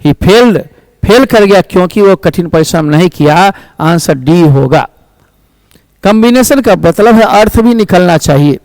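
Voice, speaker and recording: A man teaches English grammar for exams, his voice sitting high. He reads each example sentence out slowly and carefully, then rushes through the explanation. The sound is close and dry, with no room around it. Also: no room sound, rough recording. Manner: addresses students as "my child". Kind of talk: exam-prep grammar lesson.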